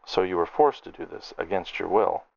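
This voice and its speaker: A man voicing a calm, stern male paladin with a dry wit, speaking in a measured way. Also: sits low, gravelly, lo-fi sound.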